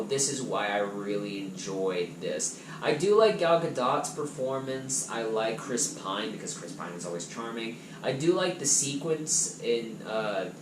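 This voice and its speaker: A man chatting casually and enthusiastically as he reviews movies from his collection on a vlog, his loudness swinging up and down. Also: lowish voice. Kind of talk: casual chat. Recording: echoey room with background noise.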